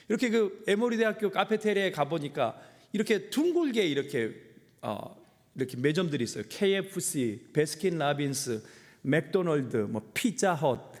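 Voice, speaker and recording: A middle-aged man preaching in a church, his fairly high voice rising and falling broadly as he spins a personal story. He mixes humor with emotional moments and leans into each turn of the tale. Long reverb from the sanctuary trails after each phrase. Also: big pitch swings, moderate pace. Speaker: pastor. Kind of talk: sermon.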